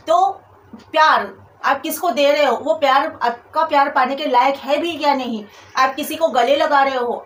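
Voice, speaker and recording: A woman's voice: sits high, a bit bright, slight background noise. A woman vlogger telling personal stories straight to her viewers, venting with indignation. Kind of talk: personal storytelling vlog. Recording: echoey room, a bit far from mic.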